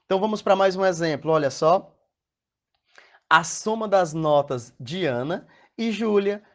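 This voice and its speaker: This math teacher, a man with a Brazilian Portuguese accent, has a high, animated, slightly bright voice and a measured pace. In the recorded lesson he breaks things down patiently and often pauses to question the class.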